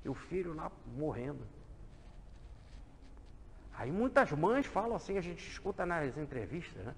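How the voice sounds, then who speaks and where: A man with a Brazilian Portuguese accent giving an emphatic, conversational talk on a biblical parable, moving between loud fervour and soft low asides. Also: big pitch swings, unhurried, slight background noise. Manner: conversational, often adds tag questions. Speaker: lecturer on the gospels. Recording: echoey hall.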